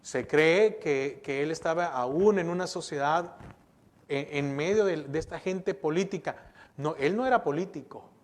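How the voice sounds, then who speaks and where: Emphatic preaching pastor, rather high voice. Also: male voice, a little slow. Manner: preaching with rhetorical questions to the congregation; emphatic, repeats words and restarts. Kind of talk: sermon.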